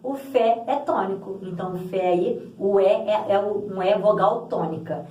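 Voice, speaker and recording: A woman's voice: medium pitch, unhurried, dark tone. A woman teacher walks through a grammar lesson, explaining each point patiently and repeating example words aloud. Her voice sits in the middle range and carries a roomy echo. She sounds a little set back from the microphone. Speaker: Portuguese language teacher. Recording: echoey room, voice from a distance.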